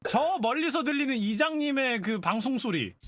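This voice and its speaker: A woman's voice: high voice, animated, moderate pace, heavy background noise. A woman streamer chatting casually and playfully, exclaiming and guessing aloud. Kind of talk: casual live-stream chat.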